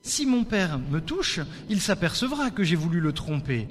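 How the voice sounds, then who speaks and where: A man's voice: high voice, sing-song, normal speed, big-room sound, a little hiss or hum. Man reading an anxious younger son.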